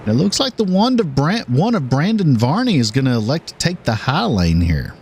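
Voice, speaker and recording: A man calling a live race as play-by-play commentator, with an animated delivery and occasional filler pauses. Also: mid-range voice, slight background noise.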